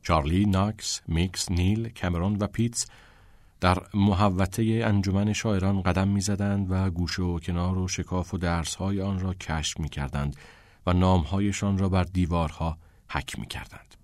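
Brief: low male narrator, measured, dry close sound. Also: fairly even intonation, a little mellow, dry recording. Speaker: audiobook narrator. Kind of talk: scripted narration.

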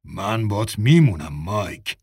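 Brief: gruff defiant loyal friend, insistent, read by a man. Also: lowish voice, big pitch swings, darkish tone, dry recording, clean studio sound, full character voice. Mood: stubborn. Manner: stubborn, insistent.

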